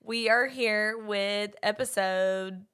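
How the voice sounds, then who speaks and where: A woman co-hosting a podcast, chatting with her co-hosts in a quick, upbeat way with laughing asides. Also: mid-range voice, steady tone, fairly bright tone, smooth. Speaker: podcast co-host. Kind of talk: casual chat among co-hosts.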